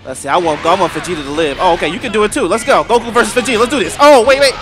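Excitable high-voiced man narrating gameplay. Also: racing. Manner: excitable, talks to the screen, frequent outbursts and shouts. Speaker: gaming channel host. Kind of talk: live gameplay commentary. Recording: game music playing behind.

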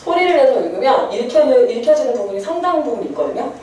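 A woman teacher talks her class through a lesson, tossing questions to the students and answering them herself. Her voice is a little high and swings up and down. The recording is very echoey and distant, with a faint hum of room noise underneath. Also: sing-song, quick pace, mellow. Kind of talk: classroom lecture.

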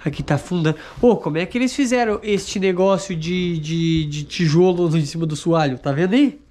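A man's voice: high voice, moderate pace, slight background noise. A man with a southern Brazilian accent giving casual commentary while exploring an abandoned wooden house. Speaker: paranormal investigation vlogger. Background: loud music.

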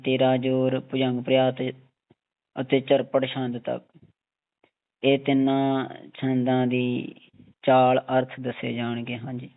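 Punjabi male recitation teacher, even flat delivery, tinny phone-like audio, patient corrections. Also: mid-range voice. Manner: patient, corrective, demonstrates pronunciation. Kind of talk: recitation lesson.

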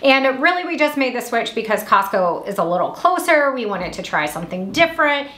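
A woman in her thirties from Indiana, chatting upbeat at home through a grocery haul vlog, with quick asides. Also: on the high side, big pitch swings, pushed and bright, roomy sound. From Indiana, USA. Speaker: vlogger. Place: small room at home.

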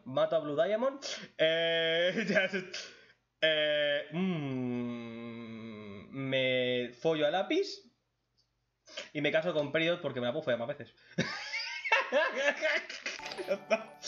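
With a slow pace and long pauses, a blunt, joking man works through viewer questions and answers them with crude humor in casual talk. His slightly bright voice runs a little high for a man, and the recording is dull and lo-fi.

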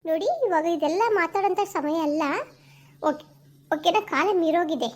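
A woman's voice: very high-pitched, moderate pace, background noise. A woman playing a firm female village clinic doctor in an amateur skit, urging and repeating her instructions. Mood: insistent. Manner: urgent, insistent, repeats instructions.

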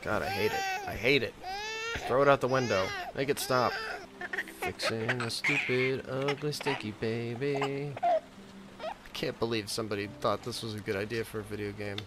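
A man's voice: medium pitch, sing-song, normal speed, very noisy. A man giving joking, sarcastic commentary while playing through a video game. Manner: sarcastic, mocking.

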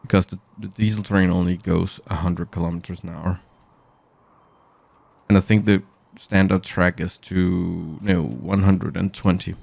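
A man's voice: sits low, steady tone, a little slow, creaky, darkish tone, dry recording. A man rambling chattily to his viewers during a casual live game stream, speaking into a studio mic through a mixer. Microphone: studio mic through an audio mixer.

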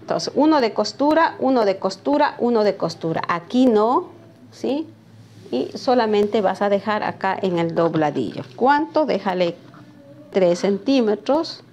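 A woman's voice: medium pitch, lively intonation, measured pace, darkish tone. A woman giving a live sewing lesson while drafting a pattern at a table, chatting with viewers by name and checking in with frequent questions. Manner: chatty, talks to viewers by name and asks "¿sí?" often. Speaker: sewing teacher. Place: sewing workshop, at a cutting table.

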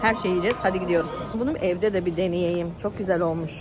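A woman's voice: on the low side, quick pace, crowd noise. A woman vlogger chatting casually as she shows what she finds while out and about. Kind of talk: casual vlog chat. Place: outdoor market and open-air seating. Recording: very noisy busy outdoor street.

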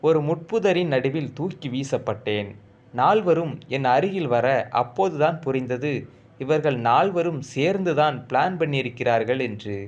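A man's voice: on the high side, lively intonation, moderate pace, highs cut off. A man narrating a first-person story in a solemn, emotional reading.

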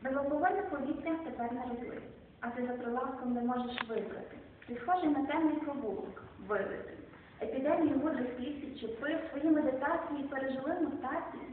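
Woman, poetry reading, measured recitation, fairly high voice, far from the mic, echoey hall, tinny phone-like sound, noisy background. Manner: slow, measured poetic recitation with quiet endings. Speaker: poet reading at a club evening. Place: club or small hall. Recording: distant, echoey phone-quality room recording.

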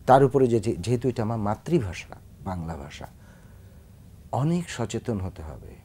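A man's voice: on the low side, big pitch swings, a little slow, dark tone, slightly rough. A man, a singer who is a guest on a Bangladeshi TV talk show, speaking earnestly about correct pronunciation, with a Bangladeshi Bengali accent. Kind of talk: studio interview.

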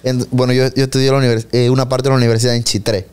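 A man's voice: medium pitch, flat delivery, racing, a little mellow, clear, resonant tone. A man with a Las Tablas accent from Panama, explaining his accordion as an interview guest. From Panama, Los Santos. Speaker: accordionist, duo musician.

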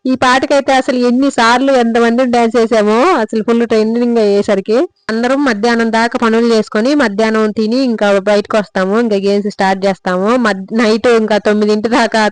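Fast, flat-toned chatty woman vlogger. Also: medium pitch, no room sound, poor audio. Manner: chatty, addresses viewers directly. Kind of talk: casual vlog voice-over.

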